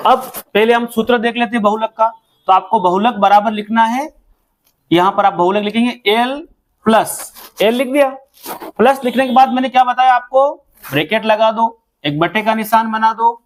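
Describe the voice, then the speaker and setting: A man teaching a maths lesson to a class, asking pupils questions again and again and then answering them himself. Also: sits high.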